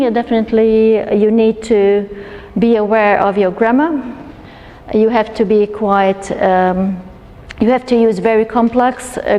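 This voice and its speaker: In a university lecture hall with long reverb, a woman with a fairly high, mellow voice presents a coursebook to teachers. She is an educational consultant, and her explanation is full of restarts and fillers. The recording sounds muffled.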